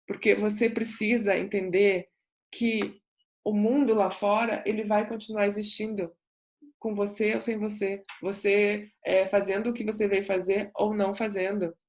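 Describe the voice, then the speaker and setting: A woman's voice: medium pitch, flat delivery, normal speed, a little mellow. A woman speaking in an earnest, reflective way as a self-development coach, giving a personal testimony with repeated emphasis.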